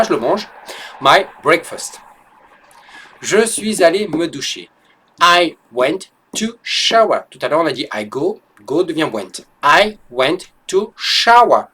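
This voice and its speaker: A man teaching English in an online lesson, patiently explaining grammar and repeating each phrase slowly and clearly for learners. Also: on the high side, fairly bright tone.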